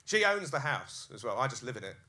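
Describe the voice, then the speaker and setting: A man's voice: medium pitch, very animated, fast talker, pushed and bright, slight background noise. A man doing a live stand-up set in a comedy club, acting out scenes with crude jokes. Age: 30s.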